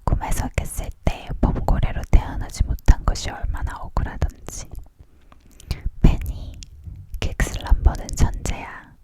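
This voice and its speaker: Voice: a little slow, close to an everyday voice. Whispered role-play of a chatty furry creature by a reader. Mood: proud, enthralled. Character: furry big-pawed creature, chatty, proud, familiar friend.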